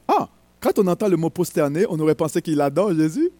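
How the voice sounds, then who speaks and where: Fervent high-voiced male preacher. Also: very animated, brisk, mellow, no room sound. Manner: emphatic, rising to fervent exhortation. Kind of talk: sermon.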